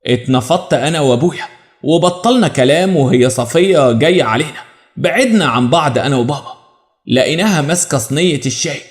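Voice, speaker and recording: Egyptian male storyteller, measured and dramatic, fairly high voice. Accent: Egyptian Arabic. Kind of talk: first-person dramatic story narration.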